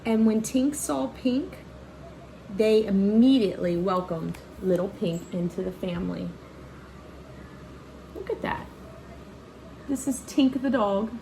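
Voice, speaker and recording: This is a teacher-style storyteller reading a kids' picture book, speaking slowly and expressively in a creaky, dark, medium-pitched voice with long pauses. She adds child-directed asides and questions along the way. The audio is poor, with a little hiss or hum.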